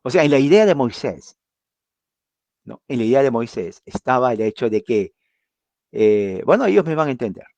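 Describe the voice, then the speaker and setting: A man's voice: mid-range voice, a little mellow, no room sound. A man teaching a Bible passage in a conversational way, asking rhetorical questions and acting out quotes.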